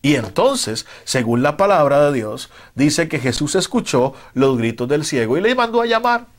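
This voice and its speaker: A man's voice: fairly high pitch, sing-song, moderate pace. A man preaching a sermon in a fervent, emphatic way, with some hesitant fillers between his points. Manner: fervent, rising to loud emphatic retellings.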